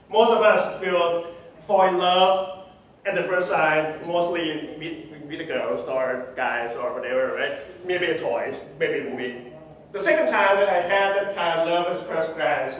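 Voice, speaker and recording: A man giving a conference presentation on programming, explaining step by step, repeating phrases and ending points with "okay?" and "right?". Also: high voice. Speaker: tech conference speaker. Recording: echoey hall, distant mic.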